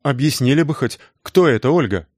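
A man's voice: medium pitch, lively intonation, a little fast, a little mellow, no echo, lightly acted. A young woman detective, hesitant at first but pushy and eager, as a male narrator lifts his voice for her. She is recorded close and dry, in an audiobook reading. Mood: unsure.

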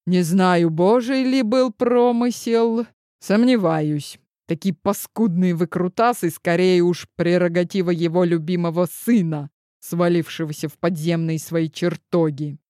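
A man narrating an audiobook in the first person, measured and dramatic. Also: high voice, darkish tone, smooth, dry recording, studio quality.

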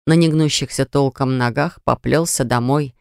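A woman reading an audiobook story aloud in an even, measured way. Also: extremely low pitch, gravelly, smooth, no room sound, clean studio sound. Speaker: narrator. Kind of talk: audiobook narration.

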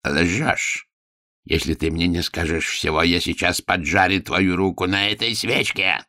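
A man's voice: fairly even intonation, a little slow, pushed and bright, dry recording, clean studio sound. A man voicing a cruel, scheming court minister who threatens and gives orders. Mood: menacing. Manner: menacing, squeaking when enraged.

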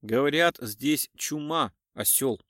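A man's voice: slow, fairly bright tone, no echo, clean studio sound. Man doing a stern police colonel. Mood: serious. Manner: low, terse, commanding. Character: stern male police colonel, calm and commanding.

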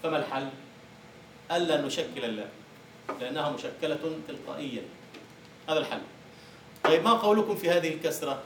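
A man's voice: on the high side, quick pace, long pauses, noisy background. A male university lecturer teaching a class, explaining by asking the students questions and answering them himself. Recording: echoey room from far off.

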